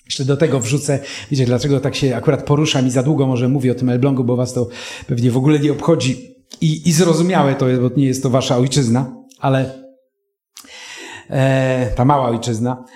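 Speaking fairly quickly in a steady, dark-toned mid-range voice, a man from Poland in his fifties delivers a sermon built around personal storytelling. He talks straight to his listeners with earnest emotion, and the sound is roomy.

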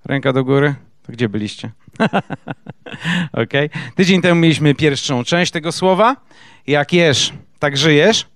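A man's voice: fairly high pitch, expressive, unhurried, long pauses, fairly bright tone. A male pastor preaching a sermon in a conversational way, quizzing his congregation with questions. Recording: echoey room.

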